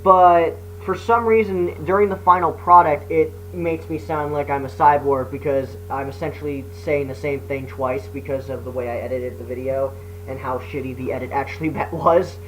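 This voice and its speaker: A man's voice: mid-range voice, fairly even intonation, moderate pace, a bit bright. A man speaking casually and apologetically to viewers as a video creator, hesitant, sweary and self-deprecating. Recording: noisy hum, poor microphone.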